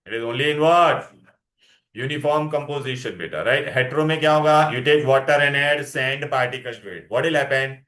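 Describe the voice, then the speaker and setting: A man's voice: medium pitch, fast, a bit bright. Indian-accented man teaching a class. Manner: repeats points, checks understanding with tag questions; mixes Hindi into English. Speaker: school science teacher. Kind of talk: classroom lesson with questions to students.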